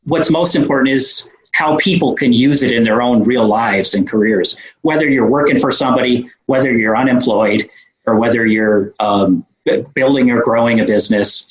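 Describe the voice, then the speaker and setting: A man with a New York accent explains his ideas as a podcast guest. He rambles easily through fillers and restarts. His voice carries a roomy echo. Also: medium pitch. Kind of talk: casual interview conversation.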